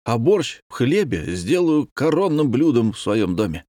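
A man's voice: mid-range voice, big pitch swings, moderate pace, dark tone, no echo, studio quality, voice pushed up, lightly acted. A man reading a story, voicing a cheerful man of about forty delightedly describing his outing. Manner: delighted, boastful. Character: cheerful forty-year-old man reporting his trip.

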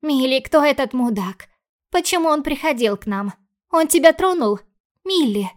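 A woman's voice: high-pitched, lively intonation, moderate pace, pitched above the performer's own voice. A woman voicing a frightened young girl who protects her older sister and speaks urgently and pleadingly, in an audiobook. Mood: anxious pleading.

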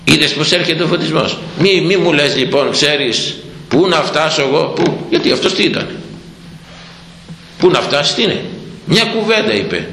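Recorded in an echoey space with faint noise behind him, an older priest delivers a sermon on Proverbs. He repeats phrases for emphasis and asks his congregation rhetorical questions in an expressive, somewhat bright, rather high voice.

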